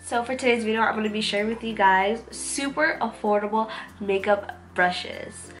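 This beauty vlogger in her twenties is recovering from a cold, and her mid-range voice comes out nasal and stuffy. She reviews makeup indoors in a small home room at a moderate pace, sounding casual, enthusiastic and gushing over background music.

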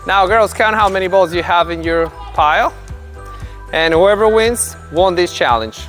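With soft music playing, a man in his thirties narrates an instructional video while coaching small children on an indoor tennis court. His voice sits high and a bit bright at normal speed as he explains drills to the camera and calls out encouraging, upbeat commands.

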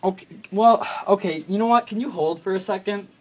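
Sitting at a desk in a small indoor room, a high-pitched teen or young adult American improvises a prank call, his speech casual and halting. A camera phone at arm's length captures it, producing noisy amateur footage with clicks.

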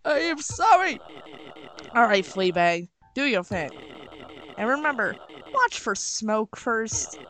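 A woman voicing a gruff, bossy man who runs a kitchen, scolding and barking orders in a put-on American Southern accent. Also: medium pitch, lively intonation, slow pace, bright, forceful tone.

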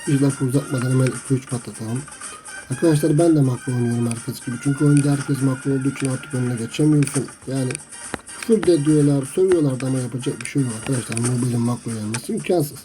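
A man talks his viewers through a mobile match in a mid-pitched voice. He grumbles about the game and trash-talks the opponents he faces. Loud game music plays under his voice throughout. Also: fast, low-quality recording. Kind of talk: gameplay commentary to viewers.

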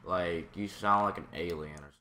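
Low-voiced exasperated gamer guy. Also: a little fast, sharp tone. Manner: exasperated, repeatedly complaining. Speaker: gamer recording a let's play. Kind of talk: casual gaming chat. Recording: noisy home gaming mic.

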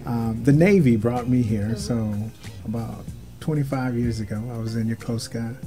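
A man's voice: medium pitch, normal speed, over music. A man from Alabama, a producer guest on a radio talk show, hesitant with many ums. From Birmingham, Alabama, United States. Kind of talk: casual talk show self-introduction. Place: small radio studio. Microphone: studio mic with headphones.

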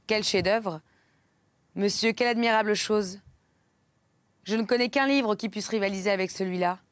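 A woman's voice: medium pitch, moderate pace, dry recording, lightly acted. A woman reading the lines of an eccentric male doctor who speaks with knowing, macabre enthusiasm, in a storybook reading. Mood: delighted.

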